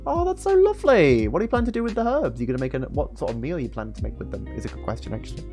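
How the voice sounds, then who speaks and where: A streamer in his twenties reads a book aloud and chats during a livestream, chatty and expressive, racing along in a slightly high voice. He sits close to an arm-mounted studio mic in a small room, wearing a headset, with music playing behind him.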